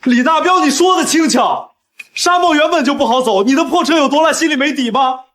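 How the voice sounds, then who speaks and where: A man's voice: very high-pitched, brisk, fairly bright tone. An actor playing a boastful, cowardly young man, the boss's brother-in-law, who whines and pleads. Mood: indignant. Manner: whiny, pleading, defensive.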